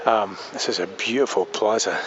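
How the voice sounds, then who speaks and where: A travel vlogger with a lowish voice narrates casually at a moderate pace while driving and walking around a small town. He thinks out loud, with plenty of ums and restarts. The audio has its highs cut off, and background noise is audible.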